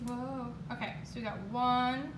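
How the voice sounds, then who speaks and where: Lady chatting through a baking demo, kinda high voice, really emphatic, bit far from the mic with noise behind her. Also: steady tone, measured pace. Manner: emphatic, exclamatory. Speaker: home baking show host. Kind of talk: casual chatty cooking demonstration. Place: indoors, home kitchen. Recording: roomy, distant mic, clear background noise.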